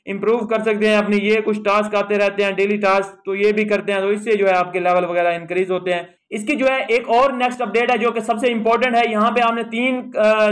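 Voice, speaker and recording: A man hosting a tutorial video, talking through an app step by step in a voice-over and padding nearly every phrase with the same filler. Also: high voice. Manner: fills almost every phrase with a habitual filler; steady explaining tone, step by step. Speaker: YouTube tutorial host. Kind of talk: screen walkthrough voice-over.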